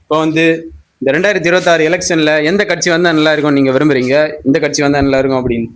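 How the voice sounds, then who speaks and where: Brief: male vlogger, rapid-fire and eager, slightly high voice, dry close sound. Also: level tone, a little hiss or hum. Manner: eager, repeats his questions. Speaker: vlogger interviewing students. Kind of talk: casual street interviews.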